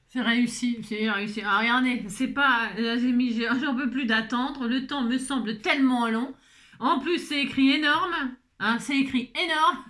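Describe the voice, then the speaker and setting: A woman's voice: a little high, fairly bright tone. A woman vlogging while making a card, chatting casually, muttering to herself as she works and laughing often at her own slips. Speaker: craft vlogger. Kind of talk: casual chat while crafting.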